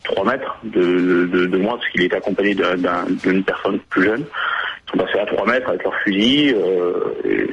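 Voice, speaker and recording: Hesitant, low-voiced man, dull lo-fi line. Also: lively intonation, creaky, a bit bright, breathy edge. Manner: hesitant, halting, stumbling with repeated words. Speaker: eyewitness parent interviewed on radio. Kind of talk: spontaneous eyewitness account. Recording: dull lo-fi radio phone call, faint noise.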